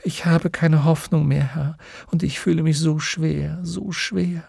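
Man playing a sad talking horse, higher voice, gravelly, halting whisper, storybook. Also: steady tone, a little mellow, no echo, clean studio sound, full character voice. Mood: hopeless. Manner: hopeless, halting, often whispered. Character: weary despairing talking horse, male. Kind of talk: audiobook character voice.

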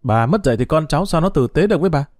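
A man voicing a brash young daughter-in-law in an audio story, sneering in quick, sharp bursts. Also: a little high, animated, no room sound, studio quality, pitched above the performer's own voice, close to an everyday voice. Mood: spiteful.

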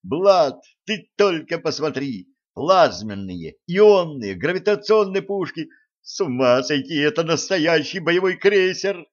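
A man reading an audiobook voices an excitable young male cabin boy who shouts his lines with eager wonder. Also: on the high side, measured pace, lo-fi sound, voice pushed up. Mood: thrilled. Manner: eager, breathless exclamations.

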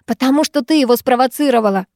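A woman's voice: high voice, quick pace, no room sound, studio quality. Woman voicing a furious older sister. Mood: accusing. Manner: sarcastic, shouting, accusing. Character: angry, heartbroken older teenage sister. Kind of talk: audiobook reading.

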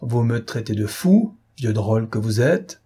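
A man's voice: medium pitch, expressive, a little slow, mellow, husky. A man voicing a burly male master gunner who bellows threats in a menacing tone. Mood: thundering. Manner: thundering, menacing.

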